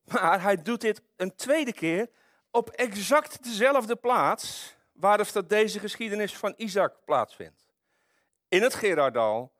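A man's voice: high-pitched, a bit bright, no echo, clean studio sound. A man preaching, reading from the Bible and adding wry, conversational asides. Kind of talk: Bible reading with sermon commentary.

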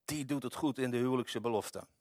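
A man's voice: mid-range voice, a little fast, darkish tone, no echo, studio quality. A man preaching, reading from the Bible and adding wry, conversational asides. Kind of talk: Bible reading with sermon commentary.

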